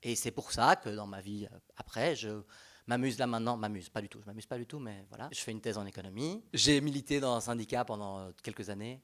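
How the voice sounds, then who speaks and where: A young man with a Belgian French accent giving a public talk as a panel speaker, animated and conversational, often restarting his sentences. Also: fairly low pitch.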